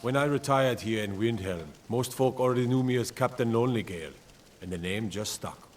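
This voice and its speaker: An actor playing a gruff, plainspoken retired old sea captain in a fantasy game. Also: male voice, mid-range voice, fairly quick, recorded from a distance, natural voice. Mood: gruff, matter-of-fact. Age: older. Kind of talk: video game character dialogue.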